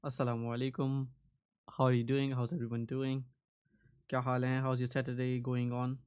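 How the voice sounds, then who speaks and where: A man's voice: medium pitch, monotone, a little fast, a little mellow, clean tone, muffled recording. A man hosting a live coding stream, chatting casually with his viewers. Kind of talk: casual livestream chat.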